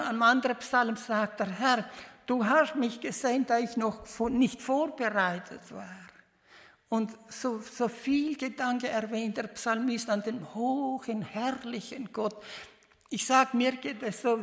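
A woman preaching a sermon, halting and heartfelt, with many restarts. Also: fairly high pitch, a bit bright. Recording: long reverb of a hall.

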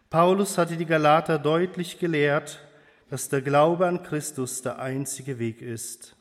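Slow-speaking man preaching in a church. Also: on the high side, long reverb tail. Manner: slow, hesitant, with pauses and fillers. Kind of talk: sermon.

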